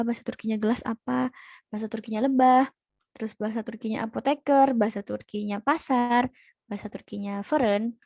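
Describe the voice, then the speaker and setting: A young woman teaching an online language class, patiently repeating each point slowly. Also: fairly high pitch, a little mellow, no echo.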